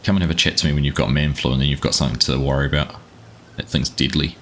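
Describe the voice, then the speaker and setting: Racing along in an extremely low, fairly bright voice with fairly even intonation, this New Zealand man streams a farming game, and there's slight background noise. A gaming livestreamer with a New Zealand accent, he rambles casually and greets viewers by name.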